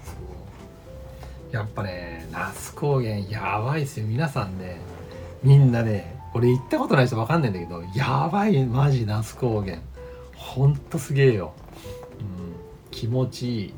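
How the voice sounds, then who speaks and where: Fifties male host, loose rambling chat with laughs, lively delivery over soft background music. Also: lowish voice, moderate pace. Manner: rambling, laughs often, self-deprecating asides. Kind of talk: casual solo chat.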